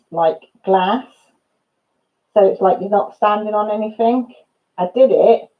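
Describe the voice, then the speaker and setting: Medium in pitch with vocal fry, this Welsh host in her fifties chats casually with her viewers, using their names and laughing through storytelling. The audio is narrow and tinny.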